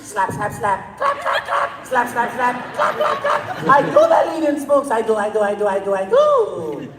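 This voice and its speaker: A man's voice: very high-pitched, wildly swooping pitch, moderate pace, creaky, a crowd in the background, exaggerated voice. A man voicing a timid, fearful male lion, chanting in a sing-song way. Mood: nervous chant. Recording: echoey hall from far off.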